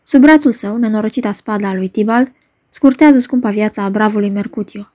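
A woman's voice: mid-range voice, a little mellow, close to an everyday voice. A woman reading the part of a young male friend who urges and recounts a fight, in a dramatic play reading. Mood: recounting. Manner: urgent, pleading delivery.

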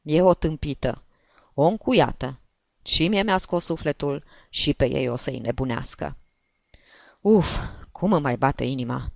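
A woman's voice: deep voice, animated, vocal fry, dry recording. Woman voicing a fretful older bank director. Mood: disgusted. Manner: fretful, exasperated, groaning. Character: nervous, irritable older male bank director. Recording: dull lo-fi recording.

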